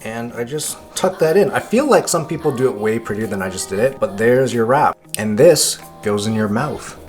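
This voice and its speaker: A man giving a casual cooking tutorial in his home kitchen, talking in a relaxed, chatty and self-deprecating way. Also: mid-range voice, fairly quick. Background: background music.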